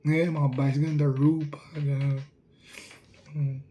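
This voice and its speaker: A man talking casually to the camera in a rambling, halting way, often restarting his sentences. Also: on the high side, level tone, mellow. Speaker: vlogger.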